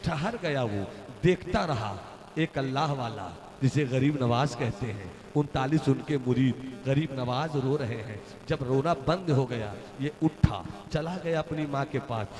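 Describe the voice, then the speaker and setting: A man preaching a devotional sermon as a story, rhythmic and impassioned, building to shouted peaks at a large religious gathering. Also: medium pitch, unhurried. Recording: echoey hall with crowd behind.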